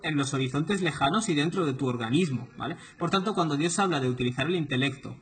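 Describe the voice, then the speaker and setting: A man's voice: on the high side, fast. Didactic man with a raised voice. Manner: didactic, often asks "¿vale?". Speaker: Islamic lecturer. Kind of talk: explanatory talk.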